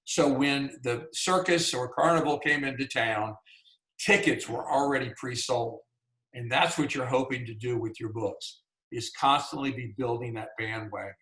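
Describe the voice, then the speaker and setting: A Southern-accented man leads a workshop for writers over a video call, talking in a relaxed, folksy way with plenty of asides. His voice sits at an ordinary middle pitch, and the sound carries a noticeable room echo. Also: normal speed. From Georgia, US. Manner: folksy and conversational, many "you know"s. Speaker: workshop presenter. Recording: roomy echo.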